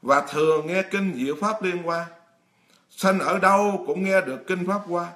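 Blunt monk preaching. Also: male voice, sits high, a little slow, fairly bright tone. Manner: blunt, emphatic, addresses the congregation directly. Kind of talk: dharma talk sermon.

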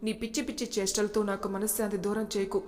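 A woman's voice: mid-range voice, level tone, fast, darkish tone, close to an everyday voice. A woman voicing a possessive young husband who talks in blunt commands and threats. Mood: stern. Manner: commanding, menacing. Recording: long reverb.

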